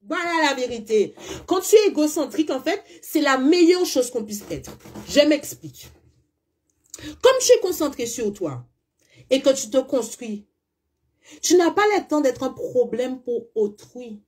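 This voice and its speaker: A spiritual coach from the French Caribbean (Guadeloupe or Martinique) addresses her followers in a blunt, emphatic monologue full of rhetorical questions. Her voice is high and sing-song, with a measured pace and a somewhat dark tone.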